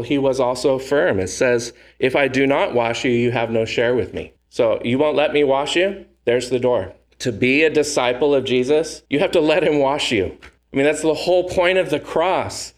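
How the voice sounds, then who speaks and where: An earnest male pastor delivers a sermon in a plain mid-range voice. He talks conversationally and keeps turning questions back to his listeners. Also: mid-range voice.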